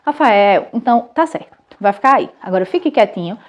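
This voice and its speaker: A Brazilian woman in her thirties, a mother and channel host, telling a family story in a casual, animated, chatty way with many restarts. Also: a little high, brisk, muffled recording. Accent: Brazilian Portuguese.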